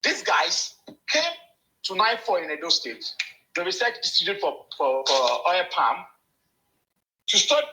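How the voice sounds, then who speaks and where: A man's voice: sits high, big pitch swings, unhurried, long pauses, sharp tone, low-quality recording. Nigerian man on a bad connection. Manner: passionate, emphatic. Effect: bad connection, audio cutting in and out. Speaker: yam exporter, panel guest. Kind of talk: panel discussion. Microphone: video call.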